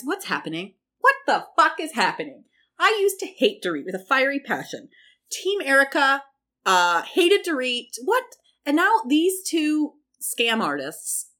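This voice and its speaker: Woman, casual recap, chatty, opinionated, swears, lively swooping pitch.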